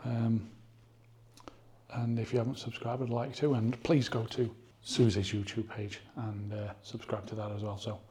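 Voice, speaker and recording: Brief: male ghost-hunt vlog host, mellow, easygoing, joking. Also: fairly low pitch, little pitch movement, moderate pace, slightly rough. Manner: easygoing, plain-spoken, joking. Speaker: paranormal investigator and channel host. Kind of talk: casual chat and vlog sign-off.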